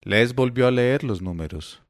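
A man reading a story aloud in a measured, even narration style. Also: medium pitch, no echo, clean studio sound. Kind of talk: scripted audiobook narration.

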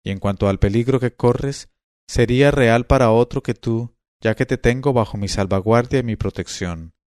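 A man's voice: medium pitch, normal speed, darkish tone, no echo, studio quality, natural voice. A man reading the lines of a bold, teasing eighteen-year-old noblewoman in a storybook tale, in a playful, coaxing way.

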